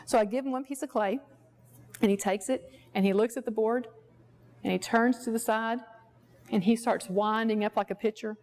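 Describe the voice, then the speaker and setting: Female therapist presenting a workshop; conversational, anecdote-driven, slightly high voice. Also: fairly even intonation, moderate pace, long pauses, a little mellow. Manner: conversational, storytelling, acts out quoted dialogue. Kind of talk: lecture with personal anecdotes. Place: workshop at a ranch.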